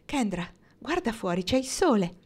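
A brisk, knowing businesswoman read aloud. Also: on the high side, very animated, darkish tone, voice pushed up. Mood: brisk, sly. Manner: brisk and knowing, a little sly. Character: practical, shrewd businesswoman friend. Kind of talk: audiobook character reading.

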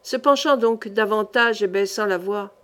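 A woman narrating a historical novel as an audiobook, in a measured, clear reading. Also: medium pitch, fairly bright tone. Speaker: audiobook reader.

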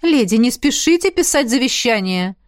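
Woman reading as a haughty fairy queen ghost, bossy and brisk, higher voice, dry sound. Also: very animated, dry recording. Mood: playful.

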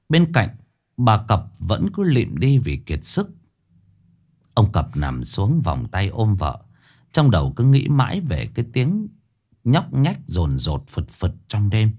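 A man's voice: fairly low pitch, dark tone. A man narrating a scripted ghost story in a dramatic, suspenseful way. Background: faint background music.

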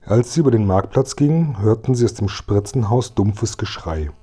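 A man reads a children's story aloud with lively, clear storytelling. His voice is mellow and a little husky. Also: lowish voice, moderate pace. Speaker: audiobook reader. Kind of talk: storybook narration.

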